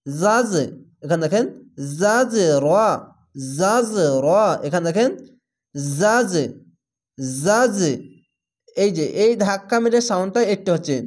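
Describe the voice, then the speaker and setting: A man teaching Quran recitation rules in a tutorial, speaking slowly and repeating each sound aloud as a drill. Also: sits high, a little mellow.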